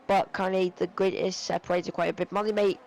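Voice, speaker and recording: A man giving live sim racing commentary, excitable and rambling with many fillers, his voice going hoarse and cracking. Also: high-pitched, fast, a little hiss or hum, poor audio. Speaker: race commentator.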